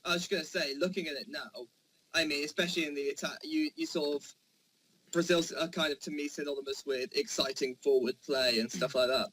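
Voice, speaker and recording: A young man chats loosely through a football debate. His voice sits a touch high. A faint hiss runs under the recording. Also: steady tone, a little fast, a bit bright, low-quality recording. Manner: chatty, loose, rambling. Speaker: podcast debater.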